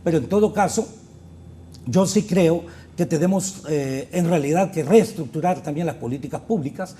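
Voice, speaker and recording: A man's voice: a little high, normal speed, mellow, slight background noise. A man, a politician arguing his points in an interview with rhetorical questions. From Honduras. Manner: argumentative, emphatic with rhetorical questions. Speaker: politician guest.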